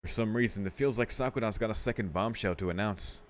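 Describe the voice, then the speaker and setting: A man with a fairly low voice and a quick pace hosts a let's play, reading a visual novel aloud. His commentary is amused and informal, peppered with swearing and asides.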